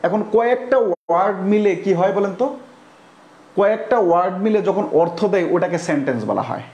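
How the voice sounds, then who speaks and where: A man's voice: high-pitched, lively intonation, fairly quick, darkish tone, echoey room, lo-fi sound. A male Bangladeshi teacher giving a classroom grammar lecture, often quizzing the students with questions and spelling words out letter by letter. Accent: Bangladeshi Bengali.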